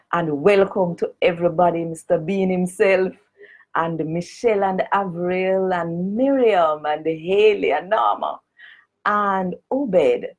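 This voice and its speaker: A woman with a Jamaican accent, hosting and reading aloud to online viewers in an animated, emphatic way. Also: on the low side. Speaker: host of an online reading and petition session.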